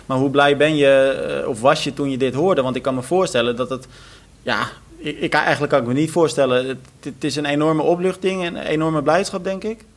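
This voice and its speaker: A man's voice: on the high side, steady tone, brisk. A man hosting a podcast interview, talking in a chatty, enthusiastic way that often trips over his own words. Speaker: podcast host.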